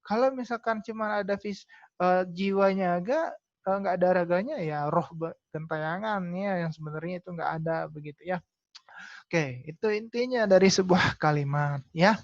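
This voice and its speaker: A woman's voice: fairly low pitch, normal speed. A woman tutor teaching an online class, filling her talk with "nah" and asking and answering her own questions. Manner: calls herself Kakak, many "nah" fillers, asks and answers own questions. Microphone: video call. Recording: lo-fi video call audio.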